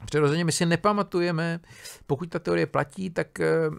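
Gravelly man giving a casual philosophy lecture. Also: a little high, fairly even intonation. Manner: casual, thinking aloud with many fillers, restarts and tag questions. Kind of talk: informal spoken lecture on a philosophy text.

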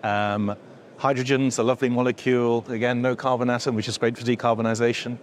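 A man's voice: medium pitch, level tone, fast, slight background noise. A middle-aged man, an industry association executive, answering interview questions, with many fillers and restarts as he explains. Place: indoor event room before a logo backdrop.

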